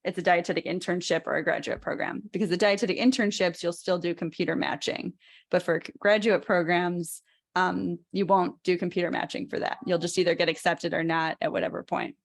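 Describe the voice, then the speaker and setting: A woman with a Chicago accent in her thirties, hosting a casual talk about becoming a dietitian, chatty with many fillers and restarts. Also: mid-range voice. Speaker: host, dietitian educator.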